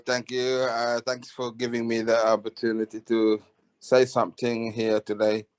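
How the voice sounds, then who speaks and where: A man from Somalia giving a halting personal testimony on a video call, with many restarts and fillers. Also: fairly low pitch. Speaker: webinar participant. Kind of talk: casual testimony.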